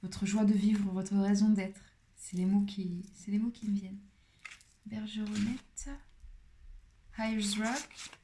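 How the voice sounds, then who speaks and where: Mellow-voiced chatty woman reading cards. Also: medium pitch, level tone, a little slow, slight background noise. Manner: chatty and playful, drops into soft whispered asides. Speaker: tarot card reader. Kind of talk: casual card-reading guidance.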